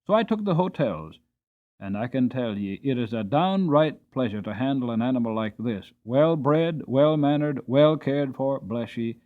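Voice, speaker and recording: Voicing a small, cheerful former jockey turned hostler in an audiobook, an older man uses a natural, medium-pitched voice with lively intonation and a moderate pace. The sound is phone quality. The character is proud, talkative and folksy, dropping "bless you" and "you see" into his dramatic, chatty lines.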